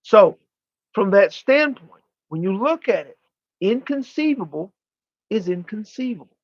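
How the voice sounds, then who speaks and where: A man channeling spiritual teachings like a seance medium, speaking as a guide in deliberate, formal, emphatic phrases with pauses and repetition, on a muffled recording. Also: high-pitched, sing-song, no room sound. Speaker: channeler leading a live spiritual session.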